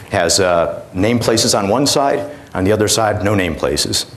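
A middle-aged man with a low voice presents a product demonstration on stage. His delivery is informal and halting, as he talks an audience through each step. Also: animated, slight background noise. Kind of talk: conference product demonstration talk. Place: indoor conference room, on stage.

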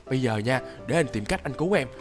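A young man narrating his gameplay excitedly, repeating words and reacting nervously. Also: medium pitch, fast talker, music in the background. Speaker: gaming YouTuber.

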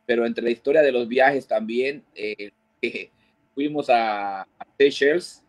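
A man's voice: mid-range voice, takes it slowly, no echo, rough recording. A man, a fishing guide, telling fishing stories as a guest in an interview and acting out the voices of the people in them. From Mexico. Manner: animated storyteller who mimics quoted voices. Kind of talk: storytelling interview.

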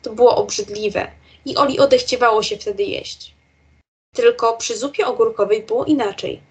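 A woman narrating a children's storybook, reading aloud slowly and carefully. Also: a little high, slightly rough. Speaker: reader.

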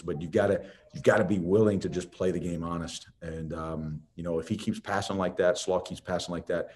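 A man's voice: low voice, a little mellow. A man, a head basketball coach, answering reporters' questions in a post-game press conference, talking conversationally with many restarts.

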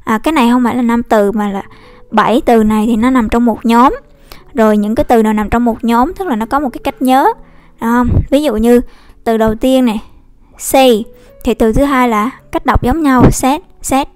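A woman teaching an online lesson, explaining slowly and patiently with many fillers. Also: a little high, fairly even intonation, darkish tone, no room sound. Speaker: English teacher. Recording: dry close recording with faint music.

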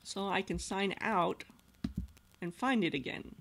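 A woman with a gravelly, fry-edged voice talks through a software tutorial as a screen-capture voice-over. She explains each step patiently and plainly, as an instructional designer would. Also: medium pitch, a little slow, a little hiss or hum. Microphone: voice-over recorded over screen capture.

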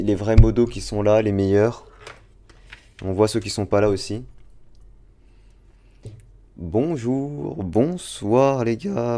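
A young man with a lowish, warm voice unboxes something on a live stream, chatting casually and directly with his viewers. He's a drawing streamer with a chatty, talk-to-chat manner.

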